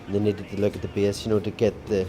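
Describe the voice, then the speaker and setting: Deep-voiced Northern Irish drummer. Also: male voice, completely flat delivery, fast talker, over music. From Northern Ireland. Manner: chatty storytelling with fillers. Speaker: rock band drummer. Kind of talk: casual interview chat.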